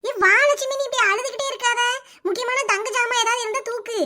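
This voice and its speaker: A woman's voice: very high voice, fairly even intonation, fast talker, pushed and bright. A woman doing a soothing neighbor auntie. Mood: reassuring. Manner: soothing, bossy. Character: kind older village neighbor woman, reassuring. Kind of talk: cartoon voice acting.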